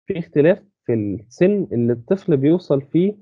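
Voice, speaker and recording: A man with an Egyptian Arabic accent teaching a university lesson. He reads English slowly, then explains quickly in Arabic, with many hesitant restarts, and checks that his listener has understood. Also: fairly high pitch, lively intonation, no room sound. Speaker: university lecturer. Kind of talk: lecture explaining a textbook, mixing Arabic and English. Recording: dry, phone-like audio.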